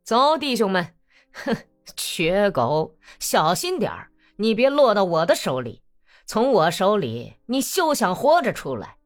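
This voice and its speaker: A woman reads out a hot-tempered young Cossack man, his voice pitched high and swinging wildly as he sneers and hurls threats. The storybook delivery is lively and loud, with faint music underneath. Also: normal speed. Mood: furious.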